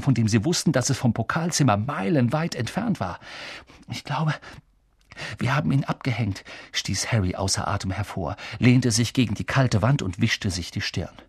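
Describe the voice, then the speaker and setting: Ein Mann liest ein Jugendbuch lebendig und ausdrucksvoll als Hörbuch vor. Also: male voice, mid-range voice, husky, no room sound, studio quality. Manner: expressive, animated reading. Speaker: audiobook reader. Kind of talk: lively scripted narration.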